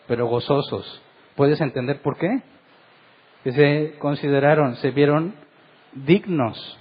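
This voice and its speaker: A man's voice: fairly high pitch, breathy edge, lo-fi sound. A middle-aged man, a pastor, preaching earnestly in a Bible study and asking his listeners rhetorical questions.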